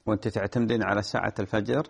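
A man's voice: fairly low pitch, fairly even intonation, very fast, gravelly, slightly rough. A man, a sheikh, hosting a call-in radio show and answering listeners' religious questions, opening formally and then prompting callers with short questions.

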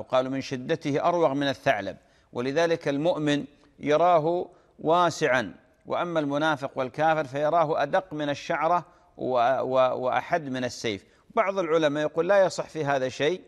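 In a large hall, a man with a mid-range voice answers listeners' religious questions on a Q&A program. He explains patiently, repeats phrases, and addresses the questioner as "my dear brother."

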